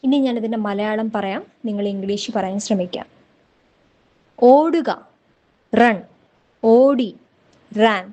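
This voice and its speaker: A woman teaching a language lesson, reading word pairs slowly and deliberately one at a time for listeners to repeat. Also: on the high side, dark tone, muffled recording. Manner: slow, deliberate, drills words one at a time. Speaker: English teacher. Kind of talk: slow drill lesson.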